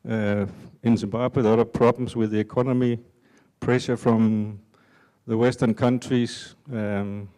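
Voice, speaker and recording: An older man from Denmark giving a conference talk in an unhurried, halting way with many fillers. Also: medium pitch, dark tone. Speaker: conference speaker. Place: conference hall.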